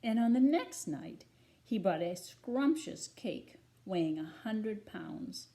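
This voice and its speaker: Using a medium-pitched voice, a woman reads a children's story aloud as a storybook reader, with deliberate pacing and expressive delivery.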